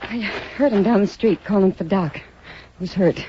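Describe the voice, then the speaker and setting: A woman's voice: mid-range voice, moderate pace, warm tone, lightly acted. Woman acting as worried western gal, tender, old dull radio with faint hiss. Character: concerned, tender frontier woman warning the marshal. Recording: dull, hissy vintage radio recording.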